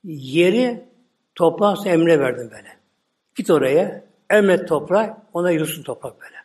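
A man's voice: fairly high pitch, expressive, normal speed, darkish tone, natural voice. A man voicing God, speaking solemnly with authority.

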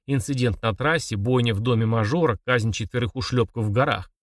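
A man narrating a crime thriller audiobook in a steady, measured storytelling style. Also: mid-range voice, no echo, studio quality, distant mic. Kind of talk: scripted narration.

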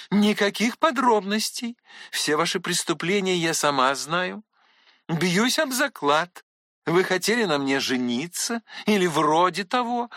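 A man reading a gentle, teasing young noblewoman's lines in an audiobook, soft and indulgent. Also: high-pitched, no room sound, clean studio sound.

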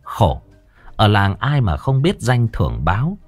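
A man narrating a comic folk-style story in a colloquial, crude and lively way. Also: lowish voice, unhurried, dry recording, soft background music. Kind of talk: casual spoken story narration.

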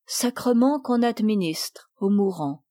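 A woman reading a classic novel aloud as an audiobook, in a clear, measured way. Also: medium pitch, animated, dark tone. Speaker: audiobook reader. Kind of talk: scripted narration of a classic novel.

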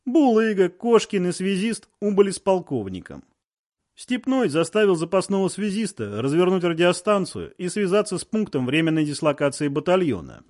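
A man tells a war story as an audiobook narrator. His delivery is animated, with a lot of movement in the pitch. His voice sits slightly high. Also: moderate pace.

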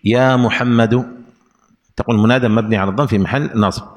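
A man teaching Arabic grammar in a recorded lesson, spelling out the rules slowly and repeating each example with care. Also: fairly low pitch, long reverb tail.

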